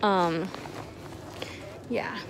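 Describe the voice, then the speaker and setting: A young woman vlogs from a snowy slope into a phone held at arm's length, chatting in a loose, self-mocking way. Her voice sits mid-range, with clear noise around it from the outdoors. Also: mid-range voice, extremely slow. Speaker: vlogger. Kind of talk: casual vlog chat. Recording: noisy outdoor phone audio.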